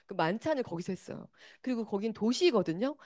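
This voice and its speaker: A woman giving an animated motivational talk, speaking directly to her audience on a microphone. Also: fairly high pitch, fast talker, no room sound.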